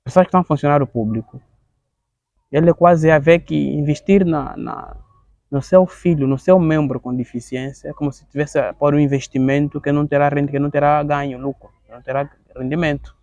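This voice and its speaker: Halting gravelly man with an Angolan accent. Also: fairly high pitch, steady tone, darkish tone, no room sound. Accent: Angolan Portuguese. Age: 30s. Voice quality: gravelly, halting with frequent word repetitions. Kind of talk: earnest interview testimony.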